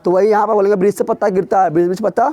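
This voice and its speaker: High-voiced teacher drilling a class. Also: male voice, fairly even intonation, mellow. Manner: drills students with repeated quick questions. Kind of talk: classroom grammar revision lesson.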